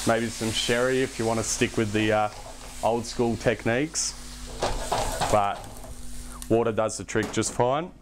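A young man hosting a casual cooking demonstration in a home kitchen, relaxed and chatty, with self-deprecating asides. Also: lowish voice, a little hiss or hum. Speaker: cooking show host. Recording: background music under the voice. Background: music and pan sizzling.

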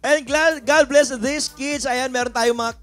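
Very high-voiced teasing male host. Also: fairly even intonation, measured pace, a bit bright. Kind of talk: casual live show chat, announcing contestants. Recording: music playing behind.

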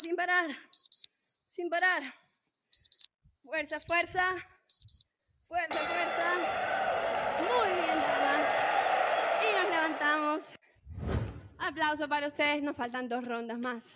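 High-pitched energetic woman fitness coach. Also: slow, pauses often, heavy background noise. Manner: energetic, encouraging, calling out counts and cues. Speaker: fitboxing instructor. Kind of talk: live online workout coaching.

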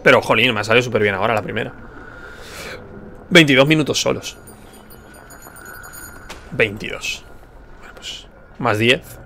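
An excitable man with a Spain Spanish accent chatting through a video game session. His voice is bright and forceful, and he talks in casual bursts of animated exclamation. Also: mid-range voice, normal speed, vocal fry, long pauses, slight background noise. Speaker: let's play streamer. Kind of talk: casual gameplay commentary.

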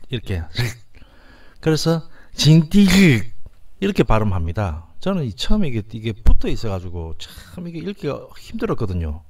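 Low-voiced man sounding out words. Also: huge pitch swings, darkish tone. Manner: repeats words and sounds out syllables slowly, often starts with "자". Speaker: lecturer on language history. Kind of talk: informal lecture.

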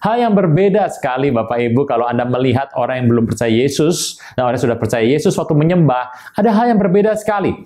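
A man's voice: mid-range voice, animated, fast talker, warm tone. Emphatic man preaching. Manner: emphatic, repeatedly addresses the audience directly. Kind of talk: online sermon teaching.

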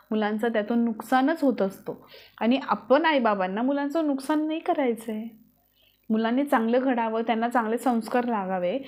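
A woman talking to parents straight to camera in an earnest advice vlog, asking them many rhetorical questions. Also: fairly high pitch. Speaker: parenting vlogger. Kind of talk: direct-to-camera advice talk.

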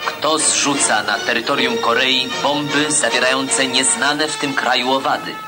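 Man reading old newsreel narration, mid pitch, accusing and rhetorical, heavy music behind. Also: fairly even intonation, a little slow. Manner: accusing, rhetorical propaganda delivery. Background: loud music score.

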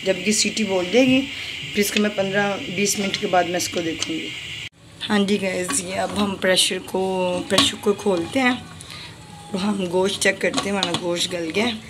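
A woman vlogger with a mid-range, steady voice talks at a normal pace as she walks through a home recipe step by step, pointing things out in casual chat. She's chatty and keeps saying "ye dekhiye" as she shows each step. Kitchen sizzle and noise fill the background of her home kitchen.

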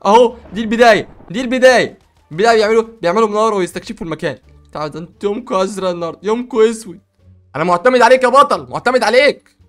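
A young Egyptian man excitedly narrating a game role-play, bossy with sudden loud outbursts. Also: sits high, racing, soft background music. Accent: Egyptian Arabic. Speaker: gaming YouTuber.

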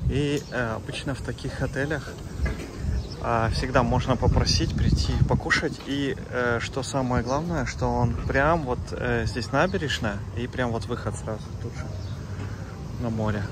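Heavy background noise surrounds a travel vlogger's mid-range voice as he walks with a phone outdoors and in hotel rooms, narrating his vlog. He chats with viewers as friends, full of fillers.

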